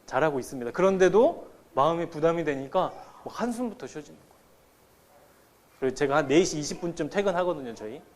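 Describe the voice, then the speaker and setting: A man's voice: a little high, animated, fast. A man in his thirties, a pastor preaching a sermon in a conversational, storytelling way to his congregation. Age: 30s. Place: church sanctuary.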